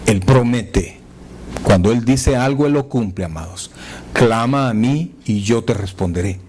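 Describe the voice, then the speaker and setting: A man pastor preaching a sermon in church, moving between soft asides and raised, fervent appeals. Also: mid-range voice, expressive, measured pace, a little hiss or hum. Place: church sanctuary.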